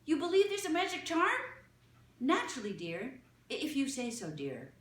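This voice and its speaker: A woman's voice: sits high, wildly swooping pitch, moderate pace, a bit bright, reverberant, recorded from a distance, voice pushed up, heavily acted. A woman voicing a flustered middle-aged mother in a storybook reading, fretful and then meekly agreeable.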